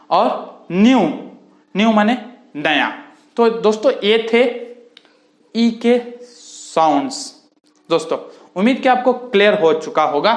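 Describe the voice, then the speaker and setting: A man, teaching English vowel sounds in a slow lesson and repeating each word with "okay" and "friends". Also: high-pitched, roomy sound. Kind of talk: spoken phonics lesson.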